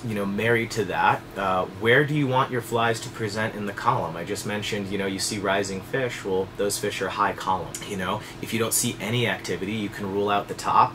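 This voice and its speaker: A man in his thirties, a fly fishing guide, explaining things to camera in a relaxed, conversational way with casual fillers, seated at a desk indoors. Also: fairly low pitch, noisy background. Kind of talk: direct-to-camera instructional talk.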